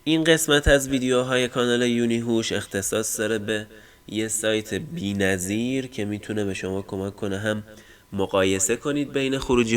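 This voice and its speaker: A man hosting a casual screen-recorded software tutorial, explaining step by step with frequent fillers and trailing line ends. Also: fairly low pitch, smooth. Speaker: tech tutorial host.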